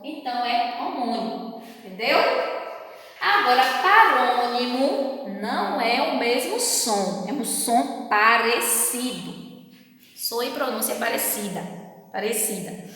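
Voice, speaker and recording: A woman's voice: on the high side, a bit bright. A woman teacher explaining a grammar lesson in a patient way, often checking in with her class. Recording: echoey room with long reverb.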